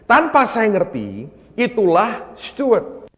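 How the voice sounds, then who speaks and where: A male pastor preaching a sermon, telling stories with lively energy and often addressing the congregation directly. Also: sits high, takes it slowly. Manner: animated storytelling, often calling the congregation "brothers". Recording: long hall reverb.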